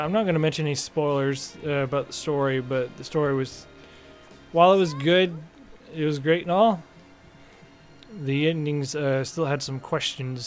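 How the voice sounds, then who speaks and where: A man giving casual, rambling commentary while playing a video game, full of fillers and self-corrections. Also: mid-range voice. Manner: reads game dialogue aloud. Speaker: gaming channel host. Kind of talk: casual let's-play commentary.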